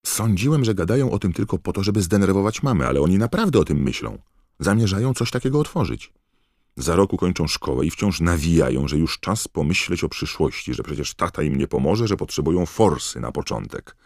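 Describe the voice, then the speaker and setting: A man voicing an excitable teenage boy wizard who talks fast and gets indignant. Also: low-pitched, no room sound, studio quality, pitched above the performer's own voice, heavily acted. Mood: agitated.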